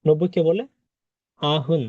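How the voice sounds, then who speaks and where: A man's voice: a little high, measured pace, dry recording. Patient man teaching vocabulary, dull sound. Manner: patient, repeats and quizzes the listener. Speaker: Korean language teacher. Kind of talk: vocabulary lesson.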